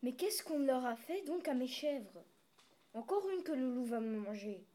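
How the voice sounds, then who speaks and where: A fretful old farmer from a storybook, pleading and scolding his goat in exasperation, as a woman reads him. The voice is soft and mellow, a touch above the usual pitch. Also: expressive, a little slow. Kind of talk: storybook reading.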